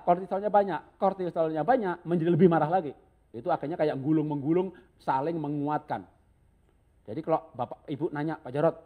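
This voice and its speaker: A man preaching a humorous sermon, joking and chuckling often as he talks. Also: fairly high pitch.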